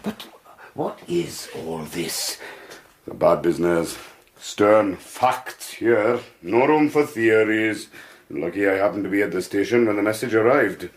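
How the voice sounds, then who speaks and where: An actor playing a self-important, patronizing police inspector in a radio drama, British, blustering in clipped phrases. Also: male voice, on the low side, animated, unhurried.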